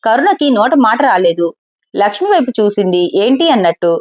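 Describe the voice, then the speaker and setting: A woman storyteller narrating a scripted family story at a steady pace. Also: on the high side, fairly quick.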